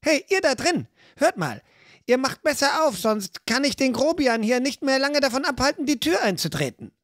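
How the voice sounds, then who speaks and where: A man voicing a cheeky, quick-tongued young woman rogue in a fan audiobook, teasing and sly. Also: very high-pitched, big pitch swings, fairly bright tone, no room sound, studio quality, voice pushed up, heavily acted. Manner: mocking, playfully sly.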